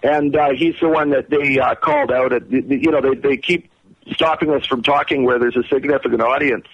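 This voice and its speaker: A man's voice: medium pitch, steady tone, a little hiss or hum. Man on a glitchy buzzing phone call. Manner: rambling, halting, many fillers. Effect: buzzy, glitchy phone-call audio that cuts out. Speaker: caller. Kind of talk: call-in radio chat. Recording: muffled phone line.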